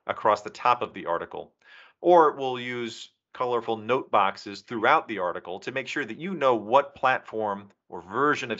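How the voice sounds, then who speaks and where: A man with a medium-pitched, bright, forceful voice gives a technical presentation to a user group over an online video call. He is on the documentation team and speaks from indoors into a video call microphone, with slightly dull audio.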